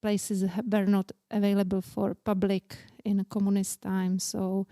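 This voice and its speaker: A woman in her forties with a Czech accent, speaking English as a second language, telling about her life as an interview guest in halting, earnest sentences. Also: mid-range voice, little pitch movement, warm tone, no room sound, studio quality. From Czech Republic. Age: 40s. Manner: halting non-native English, plain and earnest. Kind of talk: casual interview.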